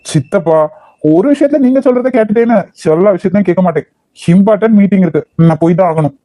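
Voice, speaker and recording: Brief: grudging Kanyakumari young man in a cartoon, voiced by a man, mellow and high. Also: quick pace, no room sound, close to an everyday voice. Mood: firm. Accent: Kanyakumari Tamil. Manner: blunt, grudging. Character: stubborn young man, nephew. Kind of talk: cartoon voice acting.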